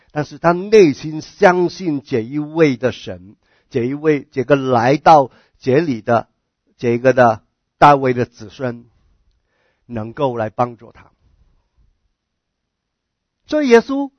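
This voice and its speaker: A man's voice: a little high, no echo. A man preaching a sermon, earnest, often repeating words and asking the listeners questions. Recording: dull, dry lo-fi recording.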